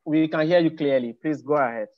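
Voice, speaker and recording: A man's voice: on the high side, brisk. A man moderating an online meeting as host, formal in tone, often hesitating and repeating words. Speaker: webinar host. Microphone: video call. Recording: dry, dull online call.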